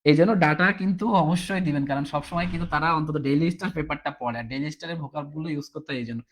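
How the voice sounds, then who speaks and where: Tired guy teaching an online exam class, talks quick, keeps checking in. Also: on the high side, fairly bright tone. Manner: explanatory, checks in with "ঠিক আছে?" often. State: tired, low on energy.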